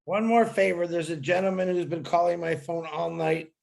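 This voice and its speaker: A man's voice: on the high side, steady tone, normal speed, creaky, a little mellow. A man on a group call, talking in a playful, teasing way. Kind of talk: casual chat.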